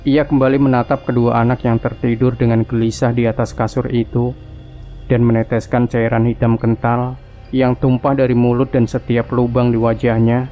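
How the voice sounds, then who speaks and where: A man narrating a scripted horror story in a hushed, creeping, suspenseful manner. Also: mid-range voice, flat delivery, moderate pace, highs cut off, faint music behind.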